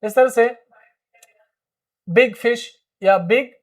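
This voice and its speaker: Energetic high-voiced Indian male teacher. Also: very slow. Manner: explains in Hindi, repeats English phrases, prompts viewers to answer. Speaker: spoken English teacher. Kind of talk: energetic classroom-style lesson.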